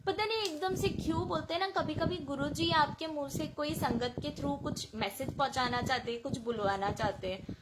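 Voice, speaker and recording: A woman from India excitedly sharing a devotional testimony over a video call, storytelling and dropping in English words. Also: high voice, moderate pace, heavy background noise.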